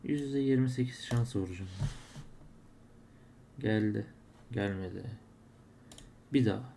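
A man's voice: fairly low pitch, slow, gravelly, dark tone, slight background noise. A man narrating his case openings as he plays, grumbling and exclaiming whenever he loses. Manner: frustrated, exclaiming at losses. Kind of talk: live commentary while opening cases.

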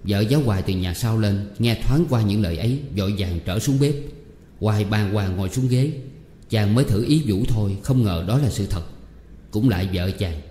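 A man reading a novel aloud as an audiobook narrator, with calm, even storytelling. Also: on the low side, normal speed, slight background noise. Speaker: audiobook reader. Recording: echoey room with long reverb.

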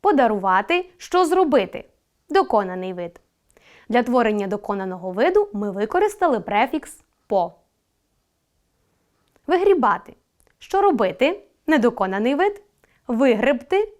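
A woman teacher giving a scripted online grammar lesson, reading word pairs slowly and clearly with rising question tones. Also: a little high.

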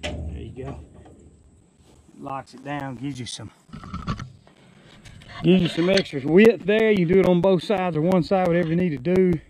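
The recording is rough, with a little hiss or hum, made on an action camera that he holds, wears or sometimes sets down. Its subject is a man in his forties from Alabama with a Southern US accent, whose voice is slightly high and mellow at a moderate pace with long pauses. On a rural farm lawn he gives a casual walkaround of a rebuilt trailer, folksy and rambling, restarting sentences midway.

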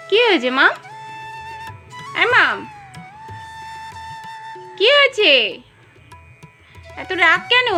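A woman's voice: extremely high pitch, pushed and bright. Young woman cooing in baby talk.

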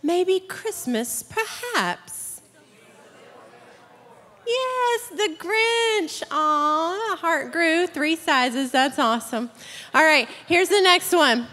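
A woman's voice: extremely high pitch, lively intonation, takes it slowly, pushed and bright. A woman making upbeat, chatty announcements to a church crowd, talking to them directly. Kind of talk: casual stage announcements. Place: large church auditorium. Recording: long reverb of big church hall.

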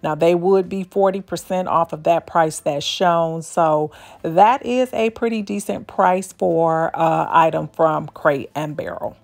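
An older woman with a low voice and a gravelly edge talks her way through a furniture outlet. Her narration is casual and homespun, full of folksy asides, as if shared with a friend. It is picked up on a handheld phone while she walks. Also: a little slow. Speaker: shopping vlogger.

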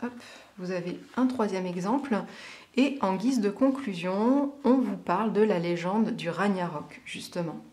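A woman's voice: medium pitch, lively intonation, a little slow, a little mellow. A woman who reads tarot, giving a casual on-camera product review, chatty and hesitant with many filler sounds. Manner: reads passages aloud from a booklet. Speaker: tarot reader and teacher.

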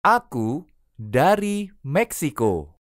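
A language teacher reads short everyday phrases for learners to repeat. Each phrase comes three times, unhurried and clearly spaced. The voice moves freely up and down, and the recording is dry and close. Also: medium pitch, big pitch swings, no echo. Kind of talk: reading phrase drills.

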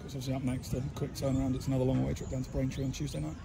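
Rapid-fire club interviewer outdoors. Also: male voice, mid-range voice, little pitch movement, gravelly. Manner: brisk, sums up the match before asking. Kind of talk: post-match interview questions. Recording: noisy outdoor setting with traffic.

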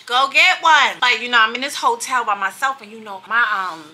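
A woman's voice: fairly high pitch, a little fast. A middle-aged woman, chatting and rambling in a casual vlog from a hotel room. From New York. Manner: chatty, rambling, animated asides. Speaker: vlogger.

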